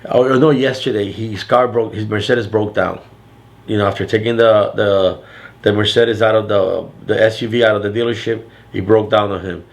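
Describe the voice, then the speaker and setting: An older man with a deep, loud voice, telling a rambling story in a casual vlog, restarting sentences often. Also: fairly even intonation, normal speed, creaky. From Florida. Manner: rambling with frequent restarts and fillers. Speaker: vlogger.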